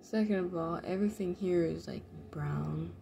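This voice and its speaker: A woman just out of bed, talking softly through a game, her words mumbled and sometimes dropping to a whisper. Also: on the low side, moderate pace, gravelly, a little hiss or hum. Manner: soft, mumbled, drifts into whispers. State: just woke up, low energy. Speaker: gaming video creator. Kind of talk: casual gameplay commentary.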